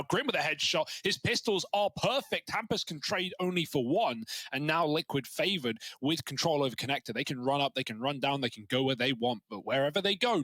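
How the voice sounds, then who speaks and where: Bright-voiced male esports caster. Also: a little high, no echo. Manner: excitable, rising to loud cheers on big plays. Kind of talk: live play-by-play commentary.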